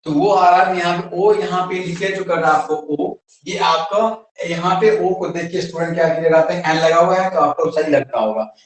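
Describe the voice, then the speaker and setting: Heard from far off in a strongly echoing room, a man with an Indian accent teaches English grammar to a class. His voice is high-pitched, moving at normal speed with few pauses, and he answers his own questions.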